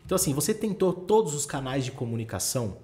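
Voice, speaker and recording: A man's voice: mid-range voice, big pitch swings, quick pace, mellow. Man host asking pointed rhetorical questions. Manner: coaching tone, stacking rhetorical questions. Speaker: podcast host. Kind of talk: casual podcast chat.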